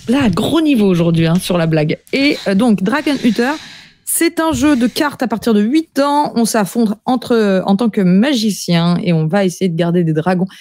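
A woman's voice: medium pitch, normal speed, darkish tone. A woman co-hosting a casual podcast chat about board game news, talking freely with many hesitant fillers. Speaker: podcast co-host.

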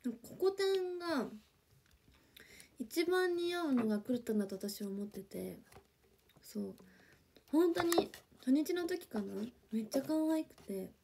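A woman's voice: high-pitched, expressive, a little slow, creaky, long pauses, darkish tone, a little hiss or hum. A young woman chatting casually on a livestream, reading viewer comments and gushing with lots of fillers, sometimes dropping to a whisper. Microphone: phone or webcam for a livestream.

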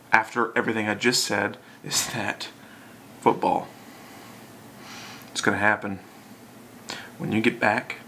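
A young man with a slightly bright, mid-range voice talks drunkenly to a camera in a small bedroom, rambling loosely as if recording a video message for a friend. Slight background noise is audible.

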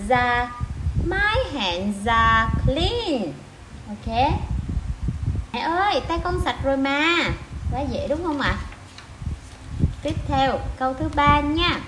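A woman teaching an online language lesson to parents. She repeats short sentences slowly, one word at a time, and then explains them. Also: high voice. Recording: echoey room with clear noise.

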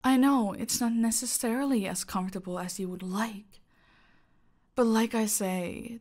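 With a medium-pitched, slightly mellow voice, an actress portrays an aristocratic cartel boss in a roleplay audio drama. The character is silky and menacing, condescending and deliberate, often sinking toward a whisper.

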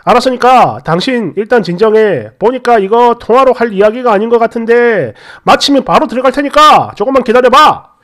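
Woman voicing a flustered husband, loud and urgent, placating, storybook narration. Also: on the high side, animated, fairly quick, few pauses. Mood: alarmed. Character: exasperated middle-aged husband, calming wife.

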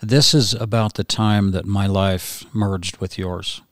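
Middle-aged host, slow and careful, dry close sound. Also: male voice, lowish voice, fairly even intonation, no room sound. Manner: slow and measured. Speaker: podcast host, hypnotist. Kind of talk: gentle interview talk. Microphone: podcast mic.

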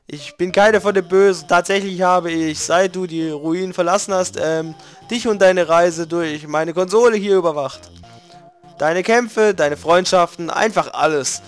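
A nervous female lizard scientist from a video game stumbles through her explanations, halting and restarting mid-sentence, read aloud by a man. The voice sits fairly high, with soft game music playing underneath. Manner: hesitant, full of ums and restarts. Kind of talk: reading game dialogue aloud.

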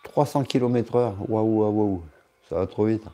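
A man's voice: on the low side, moderate pace, warm tone. A man chatting casually on a live stream, answering his chat in a rambling, joking way with many hesitations.

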